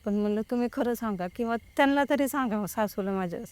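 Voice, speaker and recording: Woman telling her story, clear and dry. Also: fairly high pitch, fast talker, a little mellow, no echo. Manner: retells with many quoted exchanges. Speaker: guest telling her experience. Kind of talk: casual spoken account.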